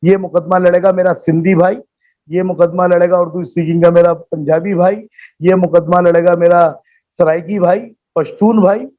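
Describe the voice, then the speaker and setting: A man from Pakistan, speaking as a guest over a phone line and arguing a political point forcefully, repeating phrases for emphasis. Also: high-pitched, flat delivery, moderate pace. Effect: heard over a phone line. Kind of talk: impassioned political argument. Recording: dull lo-fi phone audio.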